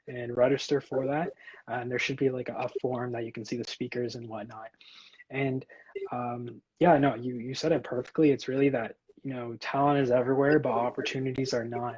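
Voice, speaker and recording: A young Canadian man co-hosting a casual chat, relaxed and storytelling with lots of "like". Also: mid-range voice, breathy edge. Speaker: co-host. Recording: slightly muffled lo-fi sound.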